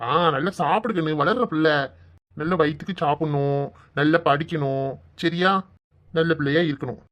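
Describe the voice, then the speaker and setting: A woman doing a low-voiced cartoon village father, kind and joking. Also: normal speed, natural voice. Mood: tender. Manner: soothing, fatherly advice and comic storytelling. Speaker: father figure. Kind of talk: Tamil cartoon voice acting.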